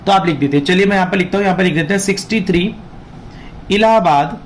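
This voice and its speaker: This man talks fast in a high-pitched voice, with a little hiss or hum on the recording. Despite a sore throat, the law teacher leads an informal online exam class, going over and repeating key points in Hindi peppered with English terms.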